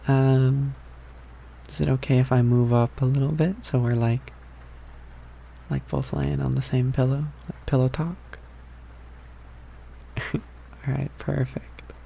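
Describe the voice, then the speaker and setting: Man acting as a young boyfriend, ASMR role-play, affectionate and playful, gravelly creak, unhurried, soft rambling delivery, faint background noise. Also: mid-range voice, fairly even intonation, low-quality recording. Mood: affectionate, teasing. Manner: rambling, hesitant, chuckling. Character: affectionate, playful, slightly needy young boyfriend at pillow talk. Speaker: ASMR performer.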